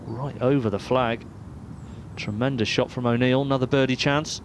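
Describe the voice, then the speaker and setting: A man's voice: medium pitch, steady tone, normal speed. A man giving golf commentary as a tournament commentator. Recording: noisy outdoor ambience behind voice.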